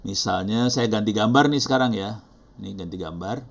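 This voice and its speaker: A man's voice: on the low side, a little fast, vocal fry. A middle-aged man with an Indonesian accent teaching an online class, talking casually and apologizing often as he thinks aloud. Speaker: instructor. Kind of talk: live online teaching session.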